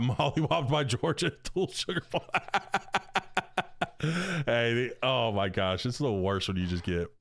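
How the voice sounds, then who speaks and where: A man in his thirties chats casually while streaming a video game. His voice sits a bit low, and he talks in a loose, slangy way with plenty of filler words. The sound is dry and close. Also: no room sound. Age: 30s. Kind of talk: casual live-stream chat.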